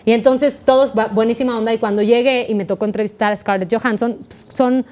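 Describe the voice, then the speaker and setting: A young adult Mexican woman, a podcast guest, telling a story in a chatty, animated way. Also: on the high side, fast talker. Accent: Mexican Spanish. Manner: chatty, animated, acts out quoted voices.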